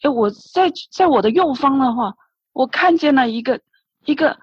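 A woman's voice: high-pitched, expressive, normal speed, slightly rough, dry recording. A woman giving an emotional personal religious testimony, retelling her prayers with many repeated words and restarts. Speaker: church member giving testimony. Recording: dull lo-fi recording, dry.

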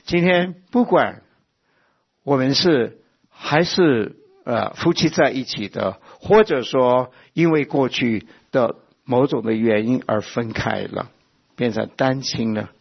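A man preaching a sermon with passion, rising to loud exhortations and dropping to soft, quiet asides. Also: mid-range voice, slow, gravelly, slightly rough. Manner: impassioned, swings between loud exhortation and soft intimate asides. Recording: muffled lo-fi sound.

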